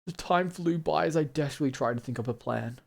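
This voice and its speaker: A man's voice: on the high side, fast, gravelly. A man voicing an earnest, resolute teenage boy fighter who narrates a video game story. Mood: desperate resolve.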